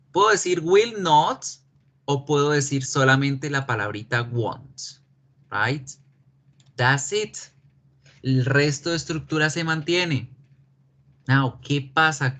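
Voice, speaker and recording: Slow, patient male Spanish-speaking teacher. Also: medium pitch, a bit bright. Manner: slow, patient explaining with frequent check questions. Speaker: English teacher. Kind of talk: online class lecture. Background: keyboard typing.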